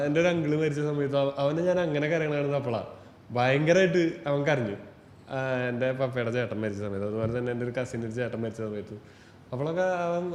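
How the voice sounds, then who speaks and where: A man with a Malayali accent recalling memories haltingly in a casual group chat. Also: fairly high pitch. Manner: halting, self-correcting recollection. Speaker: comedy podcast panelist. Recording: echoey room, long reverb, faint noise.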